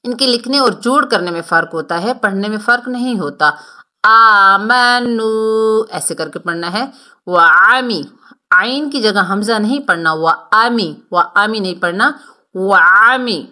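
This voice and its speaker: A woman teaching Quran recitation in Urdu, explaining tajweed rules and modeling each word with slow, drawn-out Arabic recitation. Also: mid-range voice, expressive, sharp tone. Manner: instructive, repeats each word to model correct sounds.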